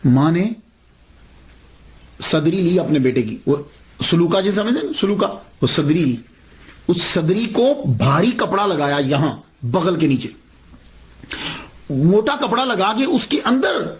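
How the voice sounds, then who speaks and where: A man preaching, telling a religious story with animated delivery, rhetorical questions and acted-out dialogue. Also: a little high, long pauses.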